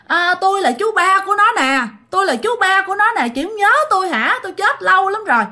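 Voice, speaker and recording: A woman plays the restless ghost of a middle-aged uncle in a spoken ghost story, pleading and agitated. The voice sits far above her own, wailing and insistent, with a bright, piercing edge that swings widely in pitch. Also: sing-song, brisk, full character voice. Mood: plaintive.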